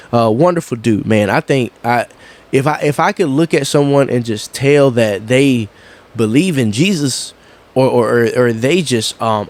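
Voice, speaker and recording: A young man telling a rambling story to the camera, repeating words and acting out what people said. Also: mid-range voice. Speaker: vlogger.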